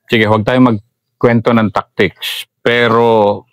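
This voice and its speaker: Brief: deep-ish male interviewer from mindanao, easygoing prompts, dry sound. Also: level tone, slow, clean tone, no echo. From Mindanao, Philippines. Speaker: retired army colonel and interviewer. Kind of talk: casual interview.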